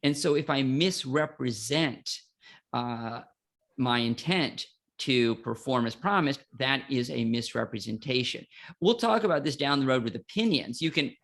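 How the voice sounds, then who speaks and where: A man's voice: medium pitch, animated, measured pace, fairly bright tone. A middle-aged man co-hosting a podcast, explaining law in a playful, self-mocking chat. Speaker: podcast co-host, law teacher.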